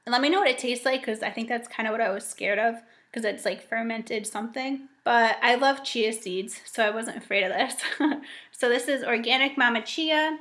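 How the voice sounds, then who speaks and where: Young woman, casual vlogger, slightly high voice, upbeat and chatty, webcam at home. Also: moderate pace, fairly bright tone. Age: young adult. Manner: chatty, upbeat, frequent ums and likes. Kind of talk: casual grocery haul vlog. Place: home dining room indoors.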